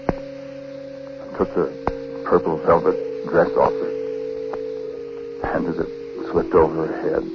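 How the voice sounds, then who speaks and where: An actor playing a troubled, uneasy husband who narrates in a hesitant, conversational way in a 1940s radio drama. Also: male voice, low voice. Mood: subdued, remorseful. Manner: hesitant, conversational, breaking off and repeating words. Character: troubled husband, uneasy, recounting his own story. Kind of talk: 1940s radio acting, first-person confessional narration. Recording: muffled, noisy 1940s radio recording.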